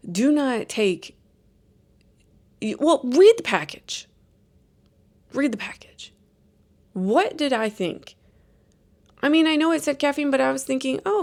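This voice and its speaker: A woman's voice: mid-range voice, vocal fry. A woman hosting a podcast, telling a rambling, self-deprecating story in a casual chatty way with many restarts. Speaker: podcast host.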